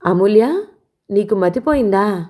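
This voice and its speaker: An earnest young woman pleads with her friend, insistent and urgent, as read by a woman narrating a novel. Her voice is mellow and warm, and the reading is audiobook-style. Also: mid-range voice, expressive, a little slow, natural voice. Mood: pleading.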